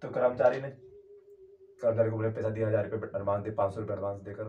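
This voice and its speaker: A man's voice: on the low side, steady tone, phone-quality sound, slight background noise. Rambling man telling a story from far off. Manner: rambling, halting, many fillers and restarts. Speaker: YouTuber. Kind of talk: casual first-person storytelling.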